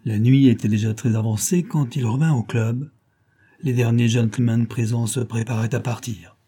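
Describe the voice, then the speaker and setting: A man reading a detective novel aloud as steady scripted narration. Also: medium pitch, normal speed, breathy edge. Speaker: audiobook reader.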